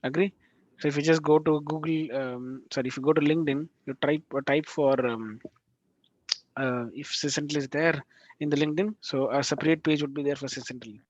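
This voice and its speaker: A man teaching a live online class over a video call, talking in halting bursts with restarts and frequent check-ins with his students. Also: on the high side, fairly even intonation, no room sound. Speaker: instructor. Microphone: video call microphone. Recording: dull lo-fi call audio.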